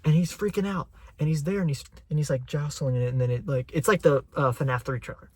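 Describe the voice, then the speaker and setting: Excitable young man rambling as a fan. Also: fairly high pitch, a little fast, breathy edge, no echo. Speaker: channel host. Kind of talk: casual chat.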